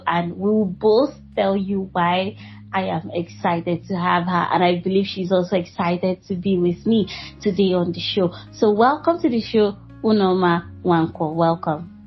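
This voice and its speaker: A woman hosting a podcast from Nigeria, bubbly and excited as she welcomes her guest. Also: on the low side, unhurried, lo-fi sound, faint music behind. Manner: bubbly and excited, laughing between phrases. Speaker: podcast host. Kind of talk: podcast interview.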